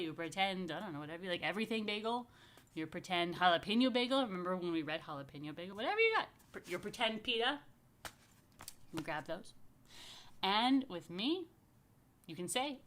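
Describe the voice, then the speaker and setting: A woman rabbi with a mid-range, fairly bright voice hosts a family story time. She chats casually and playfully right to young families, tossing in informal asides and inviting them to join in. She speaks to viewers directly with questions and invitations.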